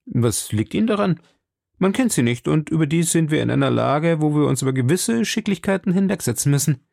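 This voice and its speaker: A man voicing a bold young swordsman who speaks briskly and earnestly to the woman he protects. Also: a little high, expressive, gravelly, darkish tone, dry recording, clean studio sound, voice pushed up. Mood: firm. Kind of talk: audiobook character voice.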